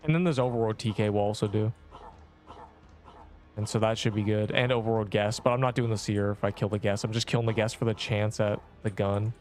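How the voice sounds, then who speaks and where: A young man streaming a game, chatting along in a casual, excitable way with gamer slang. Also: lowish voice, brisk, soft background music. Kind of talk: casual livestream commentary.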